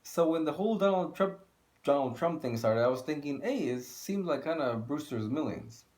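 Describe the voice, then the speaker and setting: A man's voice: a little high, lively intonation, normal speed, darkish tone. A man co-hosting a video channel, ranting casually and bluntly, swearing and repeating himself for emphasis. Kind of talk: casual opinion rant.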